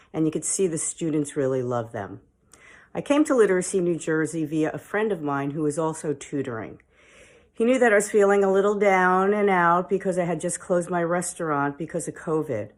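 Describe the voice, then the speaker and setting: Woman, middle-aged, low pitched, upbeat, eager, volunteer tutor, video message. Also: a little mellow.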